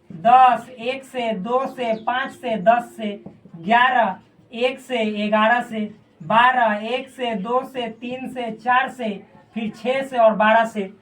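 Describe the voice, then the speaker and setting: A woman's voice: fairly high pitch, fairly bright tone. A woman maths teacher, explaining a lesson in a playful, teasing way with rhyming asides and slang, recorded on a close mic while writing on a board. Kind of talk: classroom lesson video.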